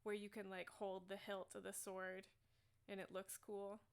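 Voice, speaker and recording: A young woman narrating as game master in a chatty, animated way full of fillers. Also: medium pitch, a little slow, clear, resonant tone.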